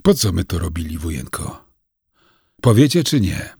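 A man voicing a blunt, impatient young village man who keeps pressing with questions, in a gravelly voice. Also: low voice, very animated, moderate pace, a little mellow, no echo, studio quality, full character voice.

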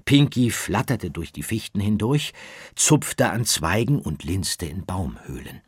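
Deep, husky man narrating a children's story. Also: dry recording, studio quality. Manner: slow, expressive, with dramatic whispers.

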